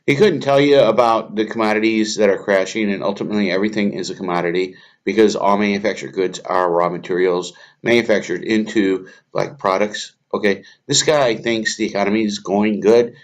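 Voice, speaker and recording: A man's voice: fairly low pitch, fairly even intonation, brisk. A man giving an angry, profane rant as he reacts to video clips, heated and contemptuous.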